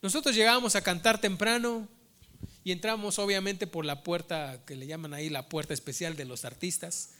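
Male preacher, bright, tense tone, storytelling sermon. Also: sits high, steady tone, moderate pace. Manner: storytelling, addresses listeners as brothers.

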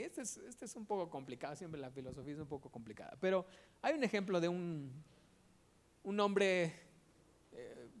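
A man preaching in a conversational way, asking the audience rhetorical questions. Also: high voice.

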